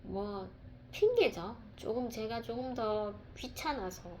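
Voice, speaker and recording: A woman sharing a personal testimony in a casual, reflective way, speaking softly with pauses and fillers. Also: fairly high pitch, expressive, a little hiss or hum.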